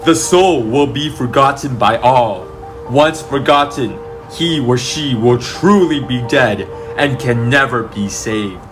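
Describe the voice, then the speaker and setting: Man as a slow, grave cartoon sage. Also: medium pitch, over music, natural voice. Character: grave male explainer of lost souls. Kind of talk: animated web series dialogue, solemn exposition.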